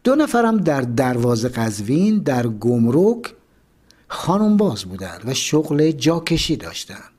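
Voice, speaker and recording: Lively, animated male storyteller. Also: medium pitch, slightly rough. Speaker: narrator reading a prison memoir. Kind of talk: expressive storytelling narration.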